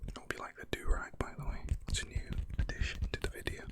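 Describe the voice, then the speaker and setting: An ASMR creator whispering a tutorial on hand and nail sounds close to the mic, with joking, slangy asides. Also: fast talker.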